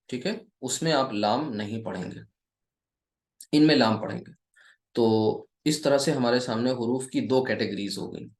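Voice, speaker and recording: A man teaches Arabic grammar, speaking slowly and deliberately at a middle pitch. He keeps asking the viewer questions and then answers them himself. The recording sounds echoey, as in a bare room. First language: Urdu or Hindi speaker teaching Arabic. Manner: deliberate, slow delivery with many repeated checks of "okay". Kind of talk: classroom-style lesson, explaining at a board.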